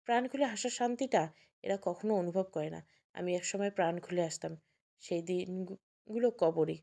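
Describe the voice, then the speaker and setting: A woman's voice: lowish voice, normal speed, gravelly, mellow. A woman narrating an emotional romantic audio story in the first person, acting out the dialogue as she goes.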